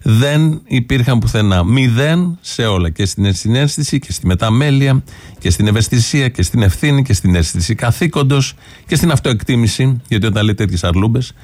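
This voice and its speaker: A man's voice: medium pitch, lively intonation, darkish tone, dry recording. A man hosting a radio political commentary show, sarcastic, listing his points one by one. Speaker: radio host.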